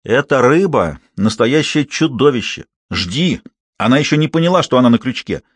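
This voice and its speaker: A man reading an audiobook and voicing an adult male hunter who shouts urgent fishing instructions. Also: mid-range voice, lively intonation, normal speed, husky, no room sound. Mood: urgent shouting.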